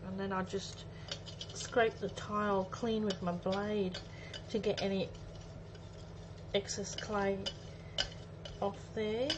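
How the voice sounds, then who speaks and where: In muffled audio with a little background noise, a woman in her forties hosts a live craft demo and chats casually with viewers. Her mid-range voice shows little pitch movement. She speaks slowly with long pauses, thinking aloud as she goes.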